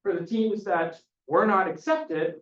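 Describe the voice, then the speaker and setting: A man giving an academic thesis defense presentation as a doctoral candidate, explaining in a hesitant, halting way with self-corrections. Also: sits high. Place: echoey indoor room. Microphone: distant room microphone. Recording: dull, echoey room, distant mic.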